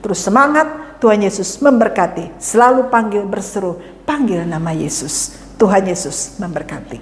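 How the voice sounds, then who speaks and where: A woman's voice: mid-range voice, normal speed, big-room sound, slight background noise. A woman pastor preaching a fervent sermon, urging listeners to pray and repeating short phrases of prayer. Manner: fervent, repetitive exhortation with acted prayers.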